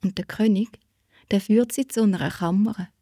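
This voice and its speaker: A woman with a Swiss German accent telling a fairy tale in a lively way, talking straight to her listeners. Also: mid-range voice, normal speed, husky, no room sound, studio quality. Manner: lively, animated, addresses listeners. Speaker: storyteller.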